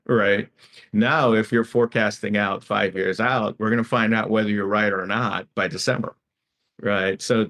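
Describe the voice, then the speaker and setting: Deep-voiced Guyanese-born man, relaxed. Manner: relaxed, many fillers and repeats. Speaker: guest, tech futurist. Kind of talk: conversational interview.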